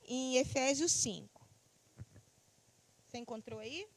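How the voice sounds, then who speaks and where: A middle-aged woman teaching a church Bible class, emphatic, slowing down to read scripture aloud. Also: sits high, slight background noise. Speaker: Sunday school teacher.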